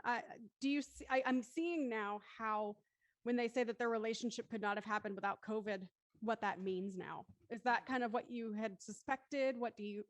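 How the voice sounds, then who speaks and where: Her voice is a little high and the recording has no room sound. As host of a live web show's after-talk, she chats casually and moderates the discussion, wordy and enthusiastic as she works through her thoughts out loud.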